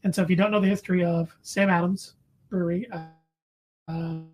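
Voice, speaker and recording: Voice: mid-range voice, steady tone, a little fast. A podcast co-host chatting casually over beers, rambling through anecdotes and correcting themselves as they go.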